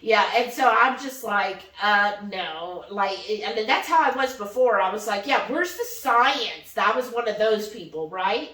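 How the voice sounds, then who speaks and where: Her mid-range voice moves at a measured pace with hardly a pause as she casually recounts a personal story for her vlog. Lively and expressive, she quotes dialogue in acted voices. The sound is distant and echoey, as if the mic sits across the room.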